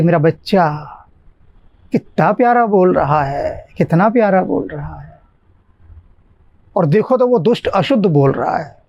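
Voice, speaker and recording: A man giving a calm devotional talk as a spiritual teacher, slowing down to stress his points. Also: sits high.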